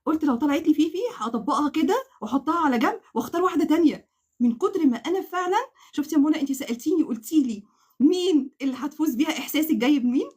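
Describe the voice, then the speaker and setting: A woman with an Egyptian Arabic accent hosting a crochet giveaway live stream, excitable and laughing often, repeating oaths as she chats. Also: high voice, racing. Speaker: crochet channel host.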